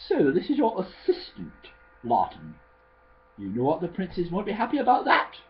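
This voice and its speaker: A man's voice: medium pitch, very animated, a little slow, dull audio. A man voicing a slender male vampire politician who speaks in a posh voice, in a homemade storybook reading.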